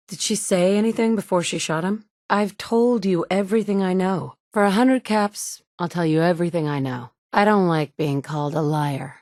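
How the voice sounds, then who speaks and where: In this video game dialogue, an actress voices the player character, a determined young mother hunting for her kidnapped son. Her voice is lowish and darkish, lightly acted, and delivered in a dry, blunt, sometimes sarcastic way. There's no room sound on the recording.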